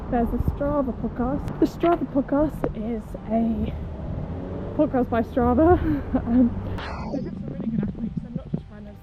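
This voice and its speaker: Young woman, higher-pitched voice, chatty casual running vlog, outdoor recording with clear traffic noise. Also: dull audio. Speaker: running vlogger. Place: outdoors beside a busy city road.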